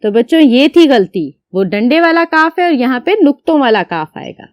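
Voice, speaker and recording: Woman, teacher, high voice, patient step-by-step explaining, slow dictation, dry close sound. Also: very animated, no room sound. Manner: patient, explains step by step, asks questions and answers them; dictates slowly while writing. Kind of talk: classroom lecture to children.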